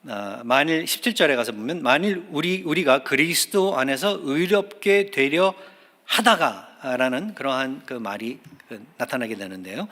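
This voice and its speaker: A male pastor preaching a sermon in earnest, hesitant speech, filling pauses with drawn-out "ah" and "uh" and repeating key phrases for emphasis. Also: mid-range voice, pushed and bright. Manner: hesitant, with many drawn-out "ah" and "uh" fillers. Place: church sanctuary. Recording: long church hall reverb.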